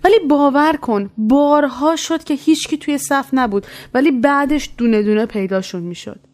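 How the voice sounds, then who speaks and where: A woman casually telling a story from her childhood, in a conversational way. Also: high-pitched. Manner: conversational, animated when quoting.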